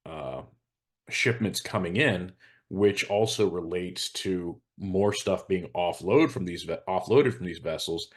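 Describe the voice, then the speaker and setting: A low-pitched American man speaks informally as a hazardous materials expert. He explains things in a measured, matter-of-fact way.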